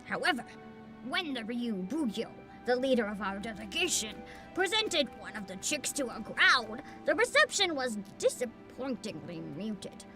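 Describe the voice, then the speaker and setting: A woman voicing a very old, formal man from a video game, speaking in courtly, measured phrases as he earnestly asks for help. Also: fairly high pitch, pitched below the performer's own voice, low-quality recording.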